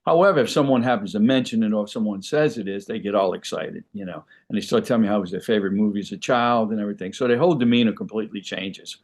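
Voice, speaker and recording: A man's voice: on the low side, rapid-fire, few pauses, a little mellow. An older man, an actor guest on an interview, telling stories in an easygoing, rambling way with frequent "you know"s. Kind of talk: casual interview chat.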